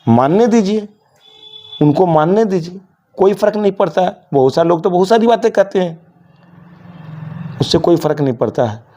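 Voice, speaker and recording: A man's voice: high voice, animated, fairly quick, long pauses, warm tone, highs cut off. A middle-aged man from Bihar, a journalist, giving earnest, emphatic interview answers full of Urdu vocabulary. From Bihar, India. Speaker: interview guest, journalist and committee secretary.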